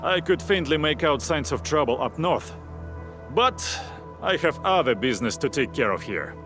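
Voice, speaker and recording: An actor voicing a cocky brawler in a game, swaggering and dismissive, with a mid voice that swings widely in pitch. Game music plays clearly behind. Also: male voice, animated, normal speed, lightly acted. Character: cocky brawler man, arena fighter.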